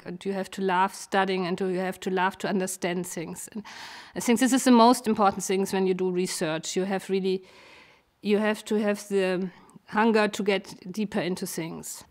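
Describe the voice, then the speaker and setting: An older woman, a climate modeller, speaking earnestly and emphatically in a documentary interview. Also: mid-range voice.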